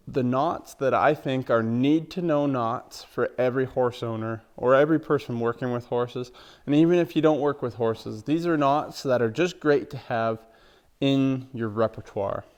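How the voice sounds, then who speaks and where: A man showing how to tie knots for working with horses. He talks slowly and in a practical, step-by-step way. His voice is smooth and clear, pitched at a middle height. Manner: plain, practical, step-by-step explaining. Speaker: horse trainer. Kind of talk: instructional demonstration.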